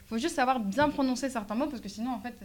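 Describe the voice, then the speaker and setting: Here a teenage schoolgirl with a fairly high voice chats through her answers in a casual interview. She keeps circling back with fillers and restarts as she explains herself. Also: fast talker, over a noisy crowd. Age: teens. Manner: chatty, many fillers and restarts.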